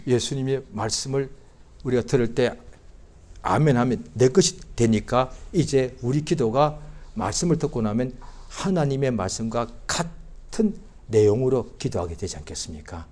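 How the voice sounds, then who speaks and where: A middle-aged man preaching a Sunday sermon as pastor. His delivery swings from quiet explanation to loud, high-pitched outbursts, and he acts out prayers and quoted speech. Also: moderate pace.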